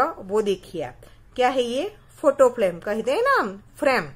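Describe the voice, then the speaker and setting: A woman's voice: on the high side, a bit bright. A woman teacher giving a recorded lesson to young children, explaining patiently and repeating key words as questions to check understanding. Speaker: school teacher.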